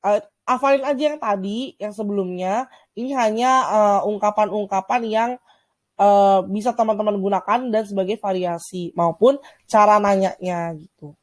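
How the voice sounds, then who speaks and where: A young woman from Indonesia with an Indonesian accent gives a casual lesson over slides, saying English words slowly between relaxed talk full of fillers. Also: mid-range voice, no echo. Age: young adult. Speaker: student volunteer teacher.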